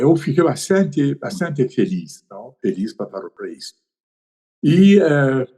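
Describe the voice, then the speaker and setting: An older man with a mellow, medium-pitched voice appears as a podcast guest. He tells his story hesitantly in a conversational way, full of fillers and tag questions.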